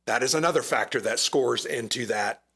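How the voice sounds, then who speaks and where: A hoarse town manager speaks at a council dais, his voice gravelly and husky as it gives out. He explains in an earnest, patient way, with a bright, forceful edge. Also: medium pitch, a little fast. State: losing his voice. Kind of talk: presenting at a council meeting. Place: council chamber.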